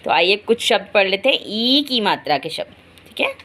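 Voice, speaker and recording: This primary school Hindi teacher is very animated, her mid-range voice a bit bright and her pace moderate. In a slow reading lesson, she breaks each word into letters and vowel signs, then repeats it whole, addressing the children directly to make sure they understand.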